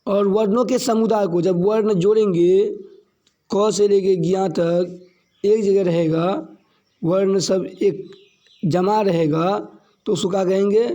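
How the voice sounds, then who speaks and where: Male teacher, high mellow voice, deliberate classroom delivery, repeats and quizzes himself. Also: highs cut off. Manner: repeats points and asks questions he answers himself; slow and deliberate, stressing key terms. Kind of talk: classroom grammar lesson.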